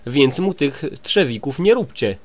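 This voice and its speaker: A man voicing a tiny, stubborn female sprite in a storybook, lifting his voice higher. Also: sing-song, unhurried. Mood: eager. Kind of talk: storybook read-aloud.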